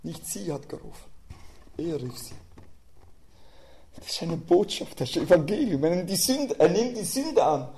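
A middle-aged man preaching a sermon, telling personal stories and swinging between quiet asides and loud, emphatic outbursts. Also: fairly high pitch, big pitch swings, normal speed, pauses often, a little hiss or hum.

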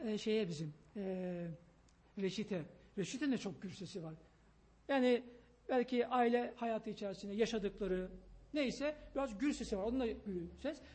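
A man giving an emphatic, excitable sermon on parenting, pleading with his listeners in a loud voice. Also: extremely high pitch. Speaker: preacher.

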